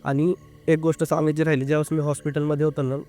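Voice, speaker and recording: A young man telling a personal story as an interview guest, speaking earnestly and haltingly, with filler sounds. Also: a little high, level tone, dark tone, faint music behind. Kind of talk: casual first-person storytelling.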